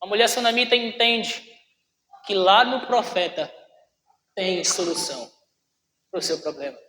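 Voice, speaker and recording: Pastor guy preaching, really high sharp voice, big echoey church. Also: measured pace, a little hiss or hum. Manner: preaching to the congregation, often calling out "brothers" and asking questions. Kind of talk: sermon. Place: church hall. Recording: echoey church hall with long reverb.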